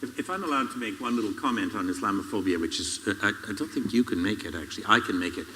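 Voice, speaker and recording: A man's voice: lowish voice, fast, pushed and bright, slight background noise. A man of Northern Irish background moderating a public panel, wry and lecturing with dry jokes. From Northern Ireland background. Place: public event hall. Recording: reverberant hall.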